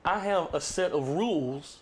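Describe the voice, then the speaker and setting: On a podcast, a man who sings and hosts jam sessions tells stories in a casual, emphatic way, raising his voice whenever he quotes someone. He sounds a little high and animated but unhurried.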